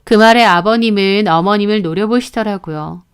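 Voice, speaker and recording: A woman's voice: mid-range voice, moderate pace, smooth. A woman narrating her own story as a daughter-in-law, speaking in an indignant, aggrieved tone.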